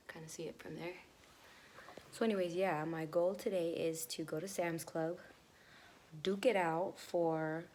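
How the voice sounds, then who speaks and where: A woman's voice: lowish voice, darkish tone. A woman chatting casually to camera for a vlog, slangy and offhand, sometimes dropping into half-whispered asides. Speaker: vlogger. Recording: noticeable background noise.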